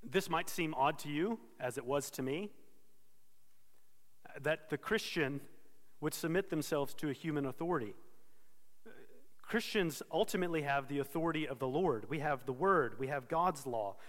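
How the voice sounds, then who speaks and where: Pastor, male, somewhat high voice, earnest sermon delivery, reverberant hall. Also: moderate pace, long pauses, fairly bright tone. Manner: earnest expository preaching with self-corrections.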